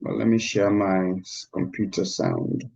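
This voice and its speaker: A man teaching a live online class, heard through a screen-recorded video call, talking in a halting way with many restarts. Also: deep voice, huge pitch swings, creaky, darkish tone, lo-fi sound. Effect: screen-recorded video call audio. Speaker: instructor. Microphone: computer mic on a video call.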